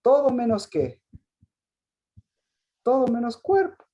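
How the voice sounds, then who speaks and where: A woman giving a Sabbath Bible teaching, often asking her listeners questions, restarting phrases and clearing her throat. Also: a little high, big pitch swings, slow pace, warm tone, highs cut off.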